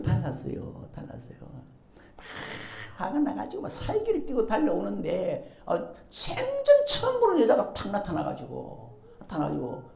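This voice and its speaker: A man's voice: high-pitched, creaky, dark tone. A male pastor preaching a sermon, acting out quoted speech and prompting the congregation. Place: church sanctuary. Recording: echoey church hall.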